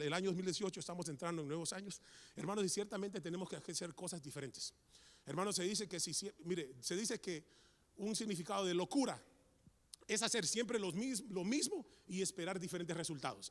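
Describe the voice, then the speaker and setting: Fervent preacher, high voice. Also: male voice. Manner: fervent, repeats "hermano" constantly, rises to shouts. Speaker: preacher at a men's church meeting. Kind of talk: sermon. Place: church hall. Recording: long church-hall reverb.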